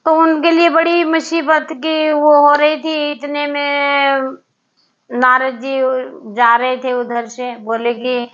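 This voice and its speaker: Slow, high-voiced woman storyteller. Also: little pitch movement, a bit bright. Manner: unhurried and halting, with many fillers and repeated words. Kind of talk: casual retelling of a devotional story. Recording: dull lo-fi recording.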